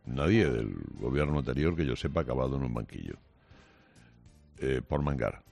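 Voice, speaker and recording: A male radio host delivering a combative, sarcastic opinion monologue a studio, with many pauses and restarts. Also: rumbling low, lively intonation, vocal fry, a little mellow, soft background music.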